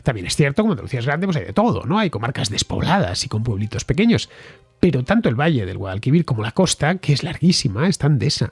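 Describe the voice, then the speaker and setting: A man hosting a Spanish talk podcast, answering a listener's message with explanatory commentary and quick asides. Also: medium pitch, breathy edge, no echo. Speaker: podcast host.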